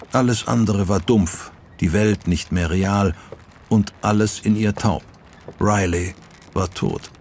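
A man narrating an audiobook in a measured, dramatic reading. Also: deep voice, a little mellow, a little hiss or hum. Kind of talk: scripted narration.

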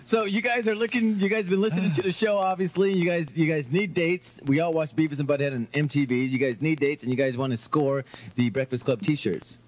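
A man hosting a morning radio show in a studio, rambling energetically and quick to laugh. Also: fairly high pitch, fairly even intonation, a little mellow.

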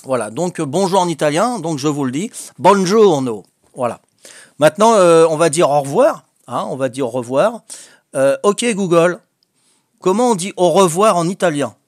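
With lively intonation and a moderate pace, an older man whose voice is a little high chats on a home video in a Corsican French accent. He is a vlogger learning a language, and he sounds hesitant and joking, with many fillers and restarts. The recording is dry, with clean studio sound.

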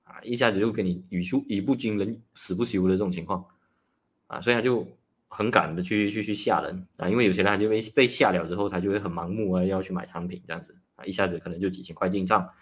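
A nutritionist hosting a casual livestream talk. He is a man who explains things in a chatty way and starts many phrases with a drawn-out "ah". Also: low-pitched, steady tone, slightly rough. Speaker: nutritionist host.

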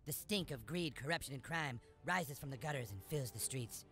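A man's voice: mid-range voice, animated, normal speed, pushed and bright, faint music behind. A man playing a cartoon boy as a brooding, grandiose vigilante, in mock-noir game narration.

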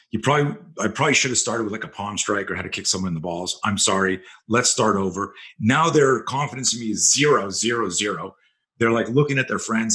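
Man, low-pitched, self-defense instructor, blunt and profane, vivid storyteller. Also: a bit bright. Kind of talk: storytelling in a podcast interview.

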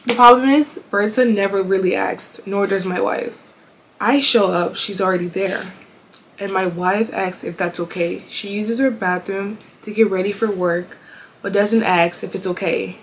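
A woman host reading online confessions aloud from her bed, casual and slangy, reacting out loud as she reads. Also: medium pitch, fairly even intonation, a little slow, slight background noise, rough recording. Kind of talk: casual chatty commentary.

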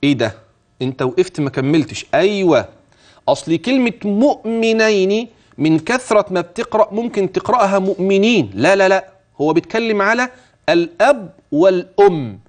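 A high-voiced man with an Egyptian Arabic accent teaches Quran recitation in a TV lesson. His pitch swings widely as he stretches each verse out slowly and tunefully. Between verses he explains the rules in fast, chatty colloquial speech, asking himself questions as if coaching a student. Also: lively intonation. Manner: slow, drawn-out melodic recitation alternating with quick, chatty colloquial explanation. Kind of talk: tajweed lesson for a religious TV channel.

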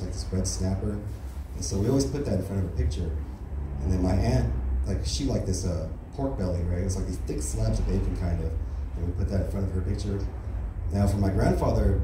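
A young American stand-up comedian with a low voice and General American accent delivers a deadpan, casual set, leaning on "right?" and "you know?". He performs indoors on a small, noisy club stage using a handheld mic on a stand, while a distant camera picks up roomy club sound.

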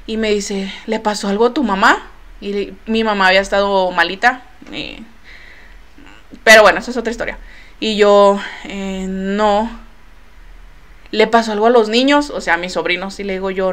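A young Mexican woman chats straight to her viewers through a laptop microphone, telling a personal story. She is animated and acts out what each person said, often trailing off with playful filler like "bla, bla, bla.". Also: a little high. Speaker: vlogger. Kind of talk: casual storytelling to camera. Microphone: laptop mic.

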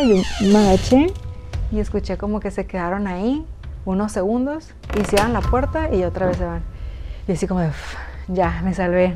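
A young woman with a Mexican accent, chatting to her viewers as she tells a personal story, with many fillers. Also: mid-range voice. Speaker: YouTuber telling a personal story. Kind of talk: casual storytime narration. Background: background music.

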